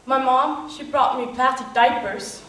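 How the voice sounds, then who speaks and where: A woman's voice: high-pitched, steady tone, unhurried, a bit bright. A young woman performing a stage monologue with earnest, confessional telling. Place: stage in a hall. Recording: roomy hall from far off, faint noise.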